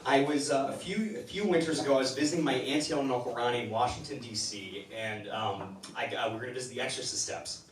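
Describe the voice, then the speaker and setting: Hosting a comedy town hall show, a medium-pitched man delivers a stand-up monologue to a live audience, rambling through stories with halting, stammered restarts. The indoor venue recording is roomy, distant and noisy.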